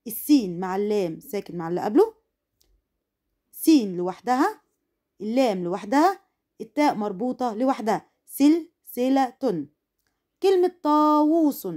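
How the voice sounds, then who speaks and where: Egyptian woman teaching slow phonics. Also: on the high side, mellow. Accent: Egyptian Arabic. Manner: slow, drawn-out syllable sounding with praise for pupils. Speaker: primary school teacher. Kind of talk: first-grade phonics lesson.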